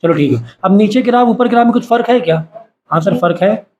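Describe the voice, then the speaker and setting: A man's voice: sits high, animated, fast, darkish tone, dull audio, slight background noise. A male science teacher giving a classroom lecture, asking the class short questions and having them repeat terms back to him. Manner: quizzes students with repeated call-and-response questions. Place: classroom with students.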